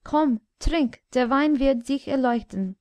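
A loud, mocking tyrant king, played by a woman reading an audiobook. He bullies and jeers in a raised voice, set a little high, at a slow, deliberate pace. The sound is dry and close with no room around it. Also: no echo. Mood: jovial. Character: cruel boisterous male king, jeering tyrant. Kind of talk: audiobook character voice.

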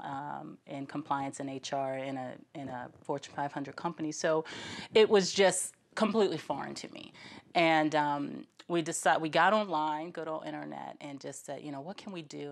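A woman guest with a low, gravelly voice tells her story in a chatty interview. She talks loosely, with many ums and false starts. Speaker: guest entrepreneur.

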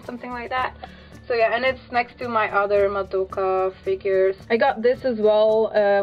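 Female vlogger, Dutch accent, informal rambling chat, mid-range voice, lo-fi handheld recording. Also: medium pitch. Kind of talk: casual chat, showing a haul. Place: small bedroom, indoors. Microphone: handheld camera's built-in mic. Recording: muffled lo-fi handheld camera sound.

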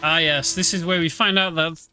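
A streaming speedrunner offers informal live commentary, explaining each step of his video game run. His voice is on the high side, bright and forceful, with fairly even intonation and a moderate pace. Vehicle sounds and game music sit behind him.

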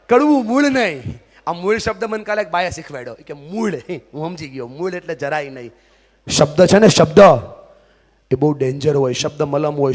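A man delivers a live motivational talk. His fairly high voice presses the crowd to answer and repeat his lines aloud. His voice rings with the long reverb of a large hall. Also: darkish tone. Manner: call-and-response, repeatedly asks the crowd yes or no; commanding, has the audience repeat lines aloud. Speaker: motivational speaker.

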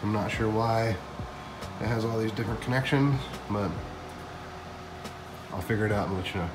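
A thirty-something print shop owner who vlogs chats excitedly while walking viewers through his shop and a new machine. He speaks at a normal pace in a lowish voice, his words echoing around the large concrete-floored room as background music plays over them.

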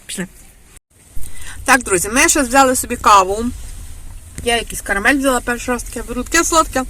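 A woman's voice: fairly high pitch, fairly quick, bright, forceful tone. Chatty woman vlogger. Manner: chatty, often addresses viewers as friends. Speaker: village vlogger. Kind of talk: casual travel vlog. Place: in a car and outdoors in a village.

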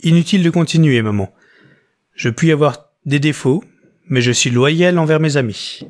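A man voicing a young woman who speaks firmly and with clear resolve. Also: fairly high pitch, normal speed, natural voice. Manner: firm, decided. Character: young woman, headstrong and loyal.

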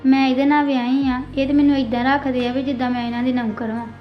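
A woman's voice: high-pitched, flat delivery, fast, dull audio, faint music behind, lightly acted. A woman playing a young wife who pleads with her husband and mother-in-law, plaintive in an amateur family drama.

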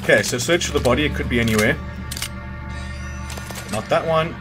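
Speaking fairly quickly at a medium pitch, a man hosts a video game guide with relaxed commentary, thinking out loud and self-correcting. Video game music and sounds can be heard behind him.

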